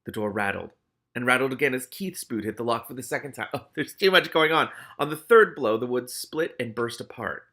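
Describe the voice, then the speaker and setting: At a brisk clip, a man reads a novel dramatically and interjects casual, exclamatory, sweary commentary. His voice is medium in pitch, pushed and bright.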